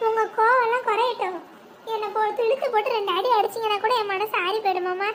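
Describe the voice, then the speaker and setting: A woman's voice: extremely high pitch, fairly even intonation, fast, crowd noise. A woman voicing a remorseful young wife in a cartoon, pleading with her husband for forgiveness. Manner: pleading, apologetic.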